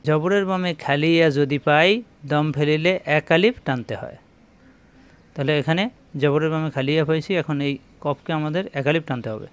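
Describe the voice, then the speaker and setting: A man teaching Quran reading, sounding out syllables slowly and repeating them, speaking directly to his viewers. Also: on the high side, clear, resonant tone. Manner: slow, drawn-out demonstration of letter sounds, repeating syllables; addresses viewers directly with instructions. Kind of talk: spoken Quran reading lesson.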